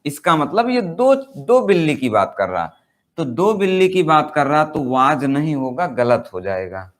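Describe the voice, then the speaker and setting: Man, patient grammar teacher, drawn-out delivery, repeats each point. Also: a little high, very animated. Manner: slow, explanatory, repeats points and asks rhetorical questions; reads English example sentences very slowly, word by word. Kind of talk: Hindi-language grammar lesson.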